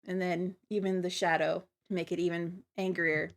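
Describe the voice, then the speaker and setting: A woman's voice: lowish voice, level tone, normal speed. A woman livestreamer chatting casually to viewers, with a giggly, apologetic and slightly nervous manner. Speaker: livestreamer, virtual avatar host.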